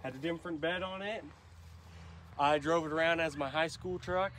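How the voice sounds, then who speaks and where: A man's voice: a little high, steady tone, normal speed, fairly bright tone, a little hiss or hum. A young man hosting a casual truck vlog, rambling and unsure, with frequent ums. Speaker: vlog host.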